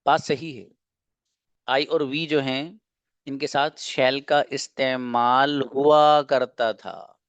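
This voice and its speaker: A man's voice: mid-range voice, no echo. Man teaching grammar, patient and repetitive. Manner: explains patiently, repeats examples, asks and answers his own questions. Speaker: English teacher. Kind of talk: online grammar lesson.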